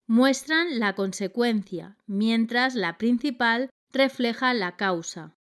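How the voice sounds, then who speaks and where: A woman reading a scripted grammar lesson in a measured, clear delivery. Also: fairly high pitch. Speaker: grammar teacher.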